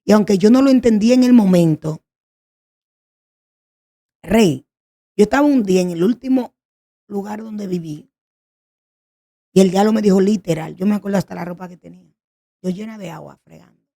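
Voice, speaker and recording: A woman's voice: mid-range voice, moderate pace, creaky, long pauses, mellow. A woman sharing an emotional personal testimony as a guest, telling her story in an earnest, pleading way.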